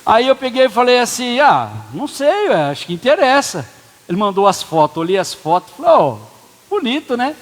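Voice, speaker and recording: Pastor with a high voice in a reverberant church. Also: male voice, big pitch swings, normal speed. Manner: casual storytelling with quoted dialogue. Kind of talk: sermon storytelling. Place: church hall.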